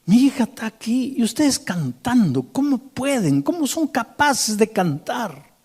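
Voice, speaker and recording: A man voicing an angry, grieving father who shouts bitterly and then pleads brokenly. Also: very high-pitched, big pitch swings, measured pace, husky, voice pushed up, heavily acted. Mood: anguished outraged. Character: grieving enraged father, middle-aged man.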